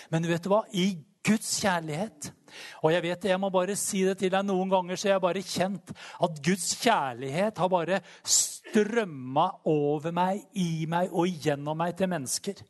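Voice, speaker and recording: A fervent man preaching a sermon, his voice sitting a little high for a man. He talks with animated feeling and keeps breaking into calls of praise as he goes.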